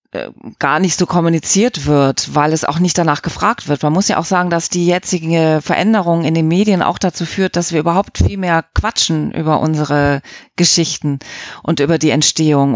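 The recording is lo-fi without echo, and the woman's voice sits on the low side. She's a middle-aged audio drama producer and editor being interviewed, offering easygoing, thoughtful answers that meander as she thinks aloud.

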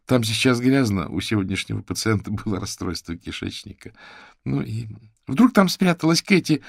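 A man voicing a tearful young woman who turns menacing, in a high put-on voice. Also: expressive, moderate pace, creaky, breathy edge, no room sound, studio quality, exaggerated voice. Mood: probing.

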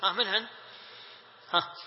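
High-voiced teacher quizzing students. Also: male voice, fairly even intonation, unhurried. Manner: drills lists, prompting students with short questions. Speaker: teacher of Islamic inheritance law. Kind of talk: classroom lesson with student quizzing. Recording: reverberant room, dull lo-fi sound.

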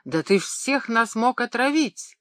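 A kindly, fretful middle-aged wife exclaims in worry, as an audiobook reader puts her on. Her lines are anxious and breathless, and the voice is bright. It is recorded close and dry. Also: mid-range voice, lively intonation, slow, dry recording, voice pushed up. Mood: alarmed. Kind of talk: audiobook character reading.

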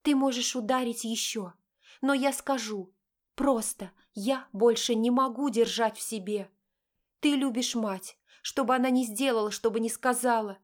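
A desperate young woman in an audiobook, played by a woman narrator, her voice pitched high and raised loud. She pleads with mounting insistence, emotional and close to breaking. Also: moderate pace, lightly acted. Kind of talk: audiobook character voice.

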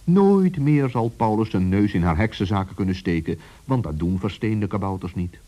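With a fairly low voice at a moderate pace, a man reads a scripted children's story in an expressive storytelling style.

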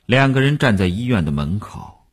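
A man narrating a novel as a radio serial reader and announcer, with a measured storytelling delivery. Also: on the low side, very animated, slightly rough.

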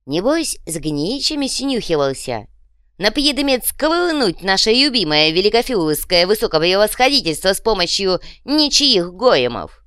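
A woman's voice: medium pitch, sing-song, moderate pace, a bit bright, smooth, no room sound, clean studio sound, voice pushed up. A woman voicing a scheming, preachy male goblin-like creature who sneers and lectures in a raised, pushed voice. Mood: sneering.

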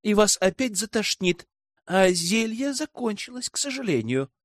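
A calm young woman behind the wheel answers in an even, measured way, as a man reads her lines. Her voice stays close to a plain reading voice. The recording is dry. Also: sits high, dry recording, pitched above the performer's own voice.

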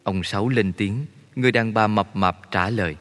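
Man narrating a story. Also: fairly low pitch. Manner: steady, measured storytelling. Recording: long reverb.

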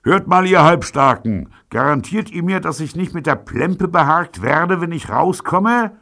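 A man voicing a bold young gang chief who gives brisk orders. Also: a bass voice, very animated, vocal fry, slightly rough, exaggerated voice. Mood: defiant. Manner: brisk, commanding. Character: bold boy gang chief, self-assured schemer.

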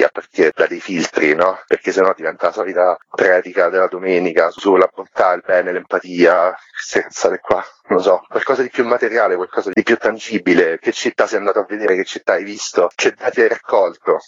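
On a muffled, lo-fi remote radio link, a man who curates a book series is interviewed, explaining himself in a colloquial, wry and self-deprecating style. His voice sits low and sounds husky, and the recording is dry.

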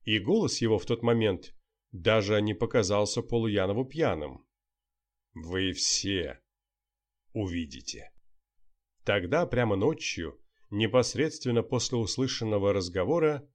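A man narrating an audiobook in an even, unhurried manner. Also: lowish voice.

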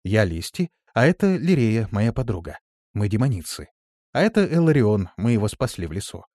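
A man reading an audiobook, voicing a big, strong female demon who leads her group, calm and quietly threatening. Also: lowish voice, normal speed, dry recording, clean studio sound. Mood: friendly. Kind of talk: audiobook character voice.

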